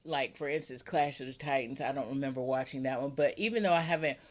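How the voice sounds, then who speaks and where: A woman's voice: a bass voice, fast. A woman hosting a book podcast, chatting casually with a guest, rambling a little and laughing often. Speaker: podcast host. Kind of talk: casual interview chat.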